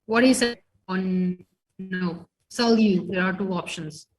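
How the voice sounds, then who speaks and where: A woman's voice: medium pitch, slow. A woman teaching French over a video call, explaining each phrase in English and quizzing her students. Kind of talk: online class teaching.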